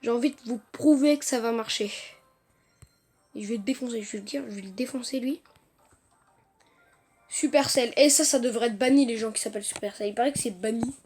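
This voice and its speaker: A woman giving casual commentary on her own mobile game, excitable and jumping between muttered asides and loud outbursts of playful trash talk, recorded on a phone mic. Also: fairly high pitch, brisk, pauses often, breathy edge, faint music behind. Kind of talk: casual live gameplay commentary. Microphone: phone mic via screen recorder.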